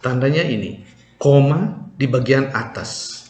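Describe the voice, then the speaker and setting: A man teaching a language lesson, patiently explaining and slowly repeating example words with clear stress. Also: medium pitch, darkish tone. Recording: echoey room, faint ambient noise.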